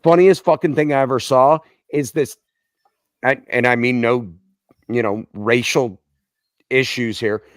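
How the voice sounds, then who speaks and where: A man's voice: mid-range voice, a little slow, long pauses, no echo, clean studio sound. A male veteran telling boot camp stories in casual chat, blunt and full of profanity. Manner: heavy profanity, blunt and animated. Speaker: Marine veteran guest.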